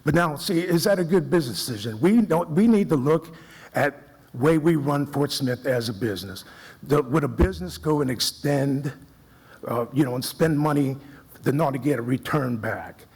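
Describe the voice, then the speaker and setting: A man's voice: fairly high pitch, lively intonation, moderate pace, darkish tone, husky. A man speaking at a city council citizens forum, earnest and repetitive, restarting his sentences often. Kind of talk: public comment speech. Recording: echoey council chamber.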